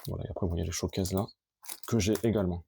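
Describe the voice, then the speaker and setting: A man casually showing his collection on camera, talking in a halting, rambling way with many restarts. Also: sits low, fairly even intonation, vocal fry, dark tone, a little hiss or hum.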